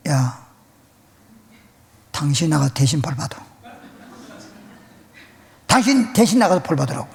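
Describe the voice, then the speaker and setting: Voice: mid-range voice, very animated, unhurried, gravelly, pauses often, a little mellow, slight background noise, pitched below the performer's own voice. A preacher voicing a harsh, old-fashioned father who scolds his family. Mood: scolding. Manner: curt and scolding.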